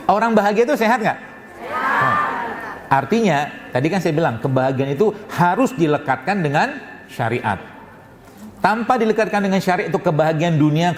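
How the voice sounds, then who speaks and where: A man's voice: a little high, a little hiss or hum. A man preaching a sermon to a congregation. He asks questions and then answers them, and at times his voice rises into emphatic urgency. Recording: echoey hall recording, faint ambience.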